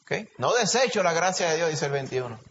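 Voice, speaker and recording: Preaching in a conversational style, this man from Puerto Rico, with a Puerto Rican Spanish accent, frequently puts questions to his congregation. His fairly high, fairly bright voice is sing-song and brisk, heard through a dull lo-fi recording with long reverb and faint hiss.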